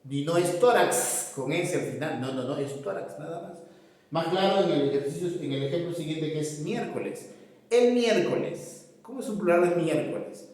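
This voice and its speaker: A man's voice: fairly high pitch, normal speed, a little mellow. A man explaining a grammar lesson step by step, often checking in with his students. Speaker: teacher. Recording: echoey room, voice far from mic.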